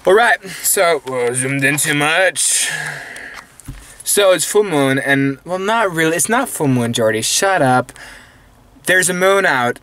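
A man's voice: a little high, animated, takes it slowly, sharp tone, a little hiss or hum. A young man in his twenties, not a native English speaker, rambling playfully and mocking himself in a late-night vlog from a parked car, filmed on a phone held at arm's length. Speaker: vlogger. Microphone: phone camera held at arm's length.

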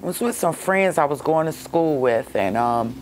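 A woman's voice: low-pitched, moderate pace, a little hiss or hum. Reflective middle-aged woman telling her story. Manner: reflective, steady storytelling with ums. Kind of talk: interview testimony.

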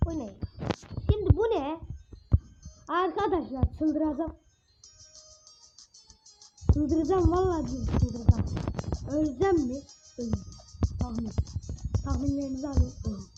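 Excitable high-voiced woman gamer. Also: normal speed, pauses often. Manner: excitable, panicky exclamations, repeats words. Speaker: gaming channel host. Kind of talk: casual game commentary. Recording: dull lo-fi with music behind. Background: background music.

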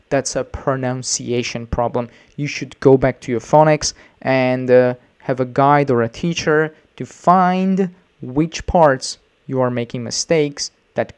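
A male English teacher talking through a reaction video in a loose, rambling way, full of restarts and fillers. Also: mid-range voice. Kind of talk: reaction commentary.

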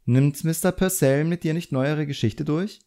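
A male audiobook reader voices a frank, composed woman who teaches drawing, pushing his natural voice up to a fairly high pitch. His tone is mellow, his delivery measured and instructive with a pointed edge.

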